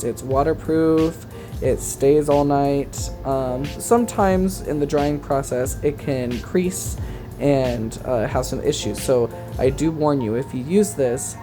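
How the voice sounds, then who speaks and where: A man talking as a sassy, campy, chatty drag queen in a casual makeup tutorial voice-over. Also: a little high.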